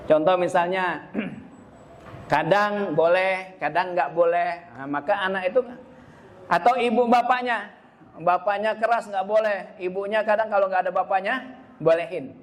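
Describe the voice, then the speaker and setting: A man's voice: high-pitched, slight background noise. A man giving a chatty seminar talk to parents, addressing them directly. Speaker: speaker at a school parenting seminar.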